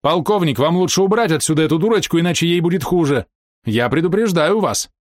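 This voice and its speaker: A man's voice: mid-range voice, expressive, brisk, dry recording, clean studio sound, pitched above the performer's own voice, natural voice. A man reading aloud and voicing a cruel, scheming woman who sneers and gives orders. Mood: commanding. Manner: sneering, commanding.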